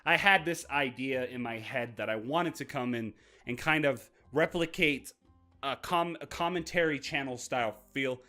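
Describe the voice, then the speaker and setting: A young man vlogging to his viewers, rambling and self-mocking in an unscripted outro, talking in a raspy voice while he stands in front of the camera. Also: mid-range voice, moderate pace, sharp tone, soft background music. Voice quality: raspy put-on voice. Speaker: YouTuber. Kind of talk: unscripted vlog outro talk. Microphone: filmed standing.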